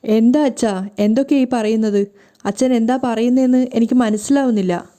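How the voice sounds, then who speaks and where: A woman voicing an emotional young daughter who asks pleading questions in slow, drawn-out lines. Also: on the high side, steady tone, mellow, close to an everyday voice. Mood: anxious.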